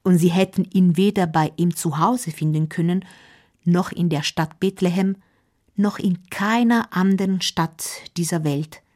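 A woman telling a Christmas-style story slowly and gently, often dropping to a soft whisper. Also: fairly low pitch. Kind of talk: storybook narration.

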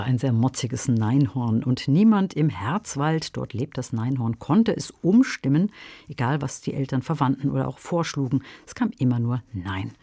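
Mellow-voiced man reviewing audiobooks. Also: mid-range voice, husky, dry recording. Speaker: radio book critic. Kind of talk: radio review talk.

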